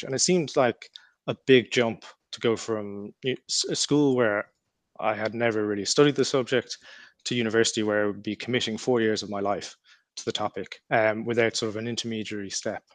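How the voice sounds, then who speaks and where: A young man answering as an interview guest in a measured, reflective way. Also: on the low side, dry recording. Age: young adult. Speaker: podcast guest, law firm associate.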